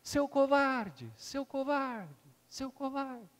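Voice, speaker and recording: A man's voice: extremely high pitch, expressive, extremely slow, big-room sound, pitched above the performer's own voice, exaggerated voice. A man voicing a frightened young boy who cries out in alarm. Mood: scared.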